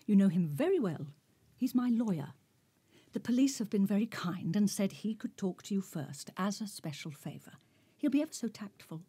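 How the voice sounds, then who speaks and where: A woman's voice: medium pitch, lively intonation, moderate pace, warm tone, breathy edge, no room sound. An actress playing a fussy, meddling woman in her fifties in a period radio drama, speaking in a genteel, coaxing way. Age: 50s. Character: meddling, busybody older spinster, fussy and genteel. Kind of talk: 1940s-set radio drama acting.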